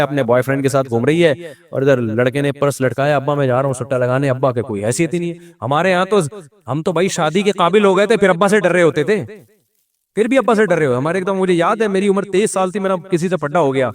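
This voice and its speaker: A middle-aged Islamic scholar with a Pakistani Urdu accent and a voice on the high side offers informal religious advice about raising children. He tells stories peppered with joking asides and rhetorical questions.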